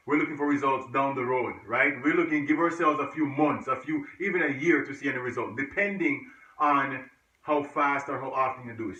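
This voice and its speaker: A man's voice: medium pitch, sharp tone. A man leading a home workout, chatty and encouraging, sometimes out of breath and grunting between exercises. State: out of breath at times. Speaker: fitness instructor. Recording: echoey room, far from dull mic.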